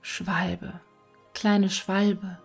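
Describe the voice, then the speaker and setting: A woman voicing a selfless, sorrowful prince statue in a whispered role-play, gentle in manner. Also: mid-range voice, little pitch movement, very slow, creaky, husky, soft background music, exaggerated voice.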